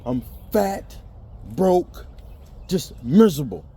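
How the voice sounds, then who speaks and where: A man's voice: high-pitched, very animated, takes it slowly, mellow, husky. Blunt preachy man giving tough-love advice. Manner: blunt, preachy, cursing, mimics lazy complainers. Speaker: motivational vlogger. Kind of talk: blunt motivational rant.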